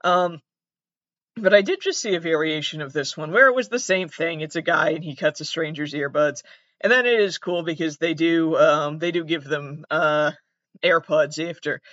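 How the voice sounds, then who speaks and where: A man from the United States with vocal fry and a monotone, deadpan delivery, hosting a podcast as a casual, self-deprecating, sweary comedic monologue. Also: on the high side, normal speed, no room sound, lo-fi sound. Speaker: podcast host.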